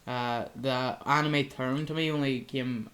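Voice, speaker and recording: Young guy, loose rambling chat host, mid-pitched. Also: fairly even intonation, a little slow, a bit bright. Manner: rambling, heavy on filler words. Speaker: podcast co-host. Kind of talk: casual chat.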